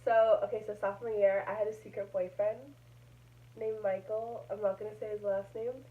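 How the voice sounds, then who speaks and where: A woman's voice: mid-range voice, level tone, a little fast. A young woman vlogger in casual chat, chatty and giggly, rambling with fillers. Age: young adult. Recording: dull lo-fi sound.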